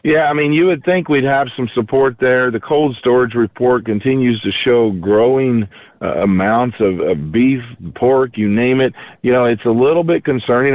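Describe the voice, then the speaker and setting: A man's voice: medium pitch, no echo. Man, over the phone, tinny narrow line, dry, folksy rambling talk, market guest. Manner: folksy, rambling with many fillers. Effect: heard over the phone. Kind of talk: casual market commentary.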